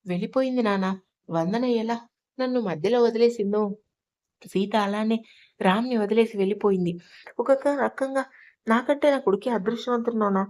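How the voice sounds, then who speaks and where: A woman's voice: on the high side, moderate pace, long pauses, darkish tone, natural voice. A woman voicing a regretful middle-aged father. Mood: sorrowful. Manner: sorrowful, resigned.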